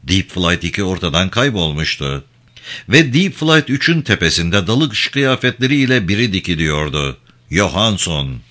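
Lively low-voiced male audiobook narrator. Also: moderate pace. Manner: expressive, dramatic. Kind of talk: dramatic audiobook reading.

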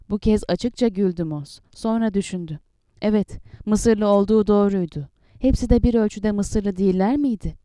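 A woman narrating an audiobook in a measured, steady reading voice, close to the mic. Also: mid-range voice, smooth, no room sound. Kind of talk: scripted narration.

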